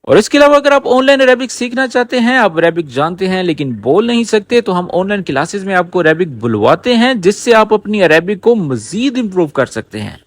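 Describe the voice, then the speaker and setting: High, lively man teaching spoken Arabic. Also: no echo. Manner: explains slowly, repeats phrases word by word. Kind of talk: language lesson.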